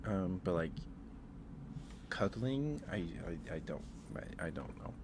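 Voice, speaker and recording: Speaking casually in a low voice, a streamer muses aloud in an ASMR livestream style, pausing and hedging as he goes. His delivery has a sing-song quality, and clear ambient noise is audible behind him.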